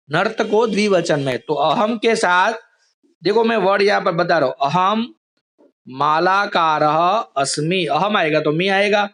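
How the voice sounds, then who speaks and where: A male teacher's fairly high, slightly bright voice carries a slow online class lesson. With a patient manner, he carefully explains each step to students on a video call.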